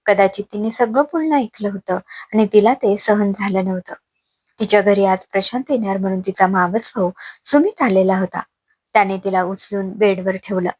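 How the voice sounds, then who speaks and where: A woman's voice: mid-range voice, moderate pace, no room sound. Dry close-miked woman storyteller. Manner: expressive, dramatic reading. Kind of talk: scripted story narration.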